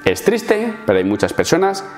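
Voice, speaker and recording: Young Spanish man, Spain accent, comedic vlog rant, sarcastic and swearing, pitch jumping all over, faint music behind. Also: wildly swooping pitch, normal speed. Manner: sarcastic, swearing, acts out little scenes. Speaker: YouTuber.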